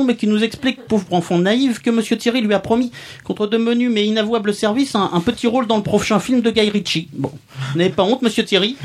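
Male performer as a pompous, sardonic podcast columnist, mock-serious comic roast. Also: sits high. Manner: mock-pompous, sardonic, chuckling at own jokes.

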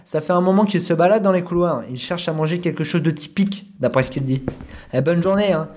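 Man as brusque venue watchman, brisk talker. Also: a little high, a little mellow, a little hiss or hum, close to an everyday voice. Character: brusque, busy venue watchman shooing intruders away. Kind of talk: audio drama acting.

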